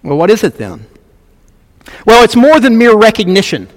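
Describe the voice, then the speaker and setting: A man's voice: high-pitched, very animated, moderate pace, big-room sound. A man preaching a sermon as a pastor, earnest and emphatic, repeating key words for stress.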